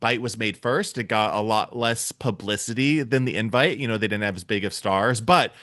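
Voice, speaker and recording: A man's voice: lowish voice, moderate pace, fairly bright tone, dry recording, clean studio sound. A man hosting a casual podcast interview, rambling and enthusiastic with plenty of fillers. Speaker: podcast host.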